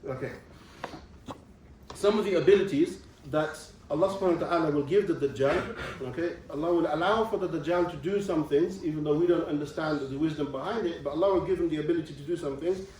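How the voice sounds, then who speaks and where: A man's voice: on the high side, quick pace, darkish tone. Man lecturing from across a very echoey room. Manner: explanatory, checks in with "okay" and questions to the audience. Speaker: visiting Islamic speaker. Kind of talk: religious lecture to a student audience. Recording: distant mic in a very echoey room.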